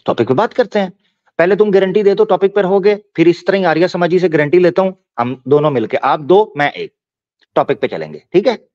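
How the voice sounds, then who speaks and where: Over lo-fi call audio, a Pakistani man hosts a heated online debate, often talking over the others in a combative, mocking manner. His voice is high, brisk and a little mellow.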